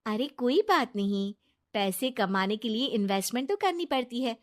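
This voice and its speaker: A woman's voice: fairly high pitch, animated, normal speed, close to an everyday voice. Woman voicing a trusting, earnest young wife. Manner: earnest, reassuring talk. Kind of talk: animated storybook dialogue.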